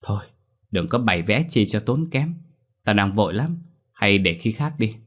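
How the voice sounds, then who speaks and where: A man's voice: fairly low pitch, big pitch swings, moderate pace. A man voicing a young male exorcist in his thirties, anxious and blunt, in a storybook reading. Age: 30s.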